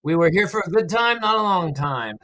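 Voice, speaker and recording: With a voice that sits high and sounds animated, brisk and a bit bright, this livestream host reacts to wrestling. He talks back to his viewers conversationally, sharing strong opinions and responding to chat comments as he reads them out.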